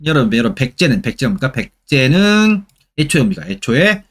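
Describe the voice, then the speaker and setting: A man's voice: mid-range voice, big pitch swings, a little fast. A middle-aged man lecturing for exam preparation, constantly asking rhetorical questions and repeating key terms for emphasis. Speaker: history lecturer.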